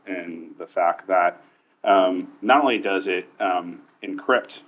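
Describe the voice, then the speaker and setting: Low-voiced guy moderating a panel, jokey, lots of ums, kinda muffled audio. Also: slow. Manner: joking, loose delivery with frequent fillers. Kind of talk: live panel discussion. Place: conference stage.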